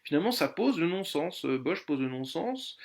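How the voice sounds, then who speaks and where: A man's voice: on the high side, big pitch swings, normal speed, vocal fry. A man giving spoken commentary on a painting, musing aloud with many restarts, repeated words and fillers as he points out details. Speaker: art commentator.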